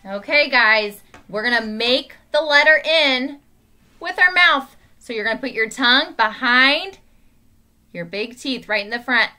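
A woman in her thirties teaching children phonics to camera, modeling sounds with slow, exaggerated articulation. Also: on the high side, expressive, sharp tone. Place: small indoor room.

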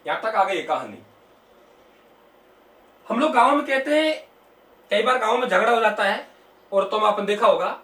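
Man, teacher, storytelling lesson, high voice, roomy echo. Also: sharp tone. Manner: storytelling, slow drawn-out recitation, asks questions and answers them himself. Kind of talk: exam-prep lesson with a memory story. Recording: echoey room, mic at a distance.

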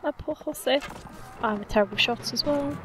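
A woman's voice: high voice, normal speed, noisy background. A woman giving casual gameplay commentary, playful, cheerfully swearing and humming to herself. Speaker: gaming channel host.

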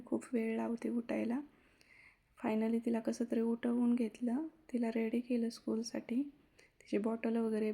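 Soft-spoken woman with a gravelly, mellow voice. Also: a little high. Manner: soft-spoken, reflective, chatty. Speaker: vlogger. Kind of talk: casual daily vlog narration.

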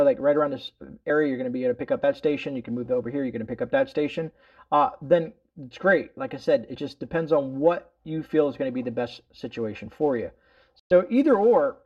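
A man hosts a product review video, giving a casual demonstration indoors at home and explaining in a rambling, folksy way. His voice is a little high, and the highs in the audio are cut off.

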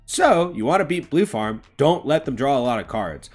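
A man's voice: medium pitch, big pitch swings, moderate pace, a little mellow, soft background music. A man in his thirties, a podcast co-host on a video call from home, arguing strategy emphatically and swearing freely. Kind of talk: casual strategy discussion. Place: home room.

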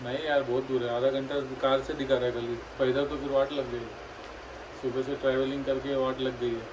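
A man's voice: mid-range voice, flat delivery, fairly quick, background noise. A man chatting casually and offhandedly with his wife during a trip. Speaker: vlogger's husband. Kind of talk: casual chat. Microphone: phone camera held by someone else. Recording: roomy and distant phone audio with music.

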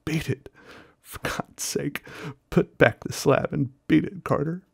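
A man's voice: measured pace, gravelly, breathy edge, no room sound, studio quality, heavily acted. A man reading a story aloud, voicing a terrified man trapped underground who whispers shakily and then screams in despair. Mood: frantic screaming. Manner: shaky whispers rising to frantic high screams.

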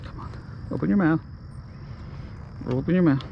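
A man's voice: fairly high pitch, normal speed, gravelly, muffled recording, slight background noise. A man fishing from a kayak, talking to himself in short exclamations, recorded outdoors on an action camera. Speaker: kayak angler filming himself. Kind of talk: muttered self-talk while fishing.

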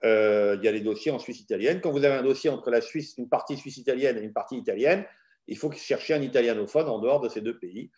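A middle-aged man answers student questions as a law professor, frank and opinionated. He explains in a lively, direct way, with plenty of emphasis. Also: mid-range voice, quick pace.

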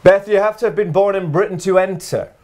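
A man playing a pompous, brisk news anchor in a TV studio. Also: high-pitched, steady tone, darkish tone, lightly acted. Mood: mock-serious.

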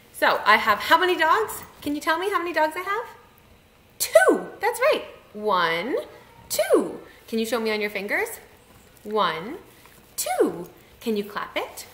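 A young woman leading online circle time for children, chanting and singing in an animated, encouraging way. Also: high-pitched, a little slow. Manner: animated, sing-song, encouraging. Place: home room. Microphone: webcam. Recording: echoey room with faint noise.

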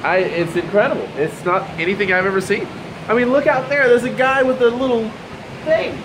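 Talking casually to a camera held out at arm's length, a fishing vlogger in his twenties with a Southern US accent shares his vacation with amazement, from a condo balcony to the beach and a big store. His voice is high and steady, fairly quick, with a noisy background.

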